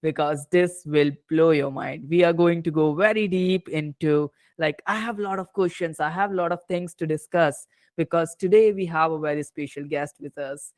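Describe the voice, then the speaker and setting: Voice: mid-range voice, fairly even intonation, moderate pace, hardly any pauses, darkish tone, no room sound. A podcast host opening an interview, eager and rambling, with many fillers and restarts.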